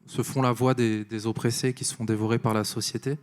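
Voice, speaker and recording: A man co-hosts a book panel at a festival. He speaks in a measured manner, pausing on fillers as he goes. His voice sits at a middle pitch for a man. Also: flat delivery. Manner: measured, slightly halting with fillers. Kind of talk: live festival panel introduction.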